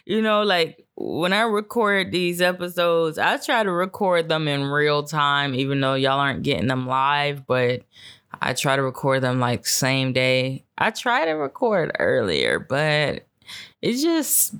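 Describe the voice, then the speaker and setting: A woman's voice: low voice, lively intonation, fairly bright tone, smooth. A woman hosting her own podcast in a casual solo chat, tired, swearing heavily and rambling in laid-back slang with lots of fillers. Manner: laid-back, unhurried talk with frequent fillers. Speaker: podcast host.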